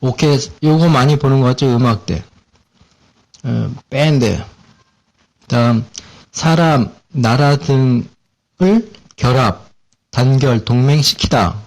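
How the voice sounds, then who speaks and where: Slowly and with many pauses, a Korean-accented man with a medium-pitched voice explains English vocabulary. The lesson is relaxed and casual, packed with fillers and repeated words.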